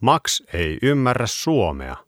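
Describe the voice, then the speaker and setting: A man voicing a calm, patient grandfather in a children's storybook, reassuring and gentle. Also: mid-range voice, no room sound, clean studio sound, pitched above the performer's own voice.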